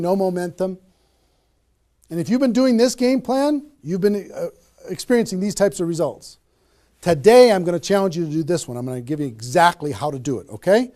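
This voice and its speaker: High-voiced guy pumping up a seminar crowd, lots of emphatic questions. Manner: energetic, emphatic, rhetorical questions. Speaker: network marketing speaker. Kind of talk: motivational seminar talk. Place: seminar room with a live audience.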